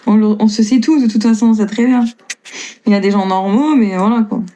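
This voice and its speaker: A young woman in her twenties with a light northern French lilt chats loosely on a live stream, answering viewers' comments and laughing easily. Her voice sits at an ordinary pitch with a mellow, darker tone. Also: a little fast. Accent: slight northern French (Lille). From northern France. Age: 20s. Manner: chatty, laughs often, reads and answers comments. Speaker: livestreamer.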